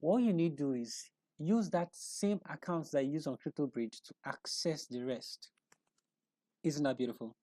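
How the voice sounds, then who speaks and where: This online explainer presenter speaks at a moderate pace in a slightly high, mellow and relaxed tone, close-miked and dry with no room sound. Guiding viewers through an on-screen walkthrough, he frequently breaks off and restarts, repeating words as he searches for phrasing, and poses rhetorical questions as he explains.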